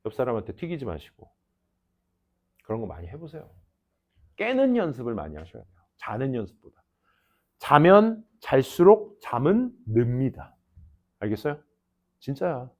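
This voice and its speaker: A young adult man teaching an English class, lecturing students in a casual, teasing way with lively asides. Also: mid-range voice, normal speed, pauses often. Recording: dull lo-fi lecture recording.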